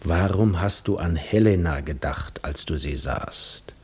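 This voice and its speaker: Here the same 1950s German radio-play seafarer, yearning and dreamy, is voiced by a man with a deep, slightly rough tone in a full character voice. He speaks a little slowly, his lyrical delivery shifting from hushed to fervent in a mood of tender reverie.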